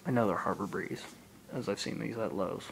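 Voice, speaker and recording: A man's voice: on the low side, a little fast, vocal fry. A man giving a casual handheld video tour of ceiling fans in a condo, rambling with many ums. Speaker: ceiling fan video maker. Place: condo apartment indoors, then outdoors on a high balcony. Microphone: handheld camera mic. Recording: noisy handheld camera audio.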